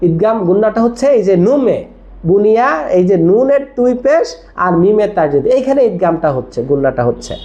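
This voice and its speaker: A mellow-toned recitation teacher gives a patient tajweed lesson, sounding words out letter by letter and repeating the drills. Short check-in questions come often. The recording is dull and lo-fi. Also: mid-range voice, big pitch swings, brisk. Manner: asks frequent check-in questions.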